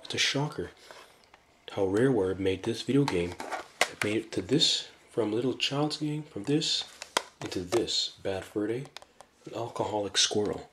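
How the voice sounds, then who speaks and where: Hushed, rambling male game reviewer. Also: lowish voice, expressive, normal speed, background noise. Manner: hushed, keeping voice down; rambling, often restarts sentences. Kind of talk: casual video review.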